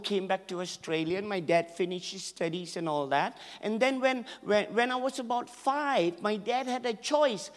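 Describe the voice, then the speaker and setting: A man with a Malaysian English accent, originally from Malaysia, preaching as a guest in church, excitable and over the top with frequent laughter. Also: sits high. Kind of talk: sermon. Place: church hall. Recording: echoey church hall with long reverb.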